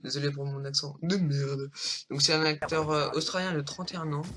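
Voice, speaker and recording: A man's voice: a little high, steady tone, fairly quick, a crowd in the background. A young man hosting a casual countdown vlog, hesitant, with lots of fillers and rambling asides. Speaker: vlogger. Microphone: low-quality home recording.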